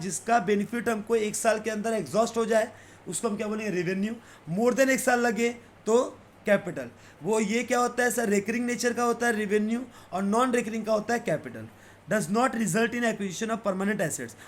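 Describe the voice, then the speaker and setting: A male commerce teacher giving an exam-prep accounts lesson. He reads English definitions out slowly, then explains them quickly in Hindi, calling his students beta and sir. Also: high voice.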